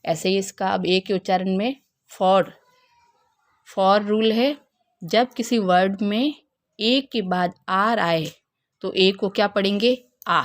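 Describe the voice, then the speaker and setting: A woman teaches a phonics lesson at a slow, steady pace. She spells out letters one at a time and repeats her own questions. Her voice sits in a middle pitch.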